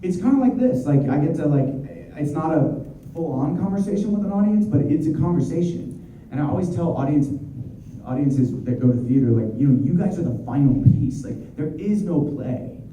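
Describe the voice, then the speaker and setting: The voice here sits on the high side yet has a dark tone: a man in his thirties, a voice actor, animatedly answering fan questions at a moderate pace with many fillers and restarts. A little hiss or hum runs through the distant, muffled, echoey recording of the convention panel room.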